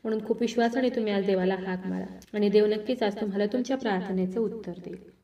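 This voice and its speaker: A woman's voice: medium pitch, fairly even intonation, fast, mellow. A woman preacher giving an earnest, repetitive devotional sermon and leading prayer. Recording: echoey, muffled, distant from mic.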